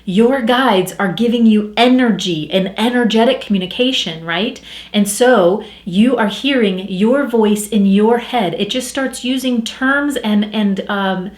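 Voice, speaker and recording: A woman's voice: medium pitch, a little slow. Chatty woman in an echoey room. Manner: chatty, acts out inner voices. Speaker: spiritual coach and medium. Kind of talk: casual teaching talk.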